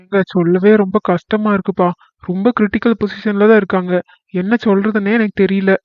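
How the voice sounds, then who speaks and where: A man's voice: high voice, little pitch movement, fairly quick, dull audio, a little hiss or hum, lightly acted. A man voicing a greedy village doctor in a cartoon comedy, who sounds reassuring but keeps steering toward the money. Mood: smooth.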